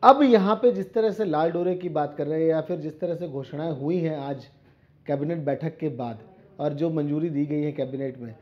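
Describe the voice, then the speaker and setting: A man anchoring a televised political debate, briskly framing questions and handing the floor to his guests. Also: fairly high pitch, dull audio. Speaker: news anchor.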